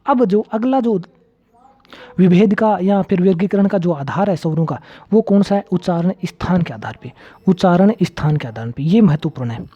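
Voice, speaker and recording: A man delivers an exam-prep grammar lesson in a very dark, mellow voice. He repeats each key term several times and poses questions he answers himself. The audio is slightly dull and lo-fi. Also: a little high. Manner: repeats key terms, asks and answers his own questions. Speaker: teacher.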